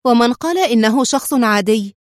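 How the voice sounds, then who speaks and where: A woman's voice: medium pitch, animated, no echo, studio quality, natural voice. A woman as a cool, determined bargainer. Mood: sharp. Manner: businesslike, cool, quick to turn sharp. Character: bold, determined young woman bargaining for a man.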